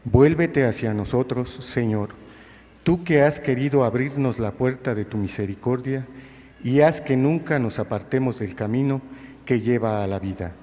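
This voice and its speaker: A man leading prayers at Mass, reading liturgical intercessions in a formal, measured way. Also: mid-range voice, mellow. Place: large reverberant church. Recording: long church reverb.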